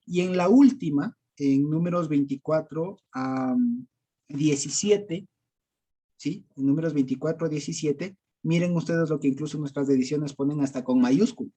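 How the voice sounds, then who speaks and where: A man with an Ecuadorian Spanish accent leads a Bible study in a warm, expressive voice on the high side, at normal speed. He's conversational and casual, laughing often, using lots of fillers and quizzing listeners with rhetorical questions.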